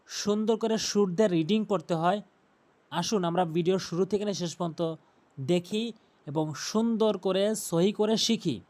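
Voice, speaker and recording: A man teaching the correct pronunciation of a prayer, spelling out each sound letter by letter, then chanting the words slowly and drawn out. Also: high-pitched, a little mellow. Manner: firm, instructive, repeats each word several times. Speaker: Quran recitation teacher. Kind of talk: step-by-step pronunciation lesson.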